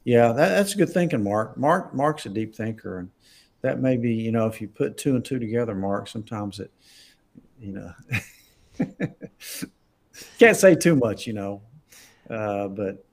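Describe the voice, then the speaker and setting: A man's voice: fairly low pitch, lively intonation, a little slow, vocal fry, pauses often. A man, a doctor, answering viewer questions in a live Q&A, talking conversationally and emphatically with frequent chuckles. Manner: conversational, emphatic, laughs often.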